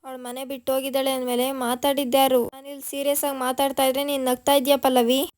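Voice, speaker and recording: Here is a suspicious, jealous young woman from a family serial, voiced by a woman. She talks in a high, level voice. She presses her questions in an accusing, insistent way. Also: monotone, quick pace, a little mellow, close to an everyday voice.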